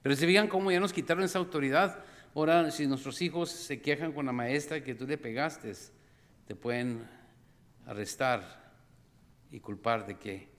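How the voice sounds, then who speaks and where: A middle-aged man preaching a sermon as pastor, animated, acting out scenes with sudden cries and calling the congregation brothers and sisters. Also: medium pitch, moderate pace. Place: church sanctuary. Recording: long reverb of a church hall.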